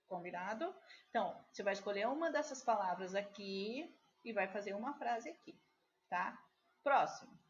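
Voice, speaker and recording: A woman teacher, patiently walking young pupils through a workbook task and checking often that they follow. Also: mid-range voice. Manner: slow, patient, with frequent checking tags. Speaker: primary school teacher. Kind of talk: recorded remote class walkthrough. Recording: slightly dull lo-fi audio.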